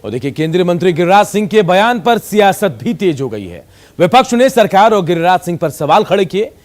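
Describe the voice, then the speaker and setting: A man's voice: high-pitched, sing-song, a little fast. A male news anchor giving voice-over reports.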